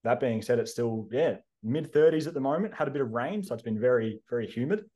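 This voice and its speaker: A young Australian man with a medium-pitched voice talks fast, chatting casually and easily as a strength coach and podcast regular. He sounds relaxed and easygoing, dropping plenty of ums.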